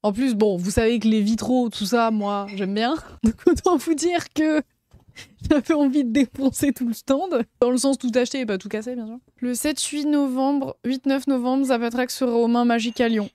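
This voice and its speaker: Young woman streamer, gushing and chatty, bright higher voice, close and dry. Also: normal speed, hardly any pauses, no echo. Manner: gushing, excitable, lots of fillers. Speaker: streamer showing convention purchases. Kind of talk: casual live stream chat.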